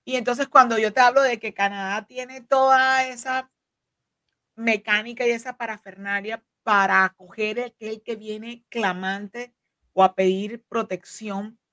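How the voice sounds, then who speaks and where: Her voice is on the high side, steady and a little slow, with a bright, forceful tone and a dry recording. A Spanish-native woman in her forties working as immigration legal counsel, she is a guest giving earnest explanations in an interview, with many fillers and restarts, via a desk microphone on a video call from her home office.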